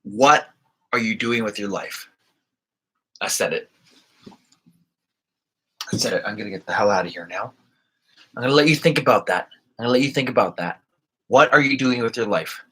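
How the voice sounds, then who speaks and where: Male streamer, casual and jokey, addresses viewers directly, bright tone. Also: on the low side, normal speed, long pauses, slightly rough, low-quality recording. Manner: joking, rambling, talks straight to viewers. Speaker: channel host on a live stream. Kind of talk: casual live-stream chat.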